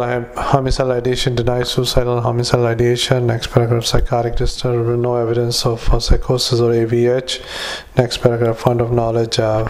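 A doctor dictating notes into a dictaphone recording in a halting, flat manner, with many filler pauses, spelling words out and saying punctuation aloud. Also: male voice, medium pitch. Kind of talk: medical dictation.

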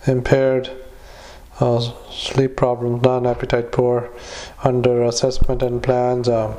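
A male clinician dictating clinical notes into a dictaphone recorder, halting with many filler sounds. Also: mid-range voice, monotone, mellow, rough recording. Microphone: handheld dictation recorder.

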